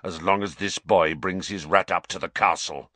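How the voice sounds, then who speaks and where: A man voicing a hunted, gaunt fugitive who snarls and croaks in a low voice. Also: fairly even intonation, moderate pace, bright, forceful tone, no echo. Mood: snarling.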